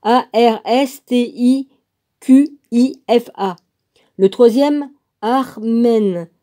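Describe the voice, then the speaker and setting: Slow woman reading aloud, dark voice. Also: fairly high pitch. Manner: slow, spells out names letter by letter, comments as she goes. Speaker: reader of a religious text. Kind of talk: casual reading aloud with asides.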